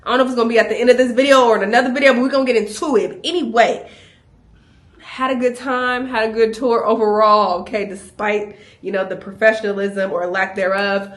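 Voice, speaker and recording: A young woman vlogging a casual travel storytime, animated and laughing as she acts out what people said to her. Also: fairly high pitch, fast talker.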